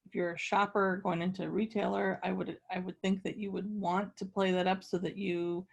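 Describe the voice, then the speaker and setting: A woman's voice: mid-range voice, level tone, brisk, creaky, breathy edge. A woman who owns a business answering questions on a webinar panel over a video call, thoughtful and hedging. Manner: thoughtful, hedging with "you know". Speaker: business owner.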